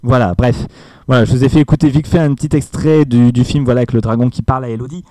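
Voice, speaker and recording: A man's voice: medium pitch, fairly even intonation, fast talker, dark tone, no echo. Hesitant French-speaking man reviewing a film. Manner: hesitant, many fillers, emphatic repeated apologies.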